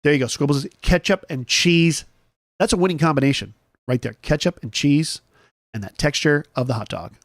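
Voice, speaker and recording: A man's voice: on the high side, moderate pace, no echo. Chatty, rambling man on a dry mic. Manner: rambling, chatty, jokey asides to viewers. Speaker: host. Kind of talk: casual morning chat with live chat.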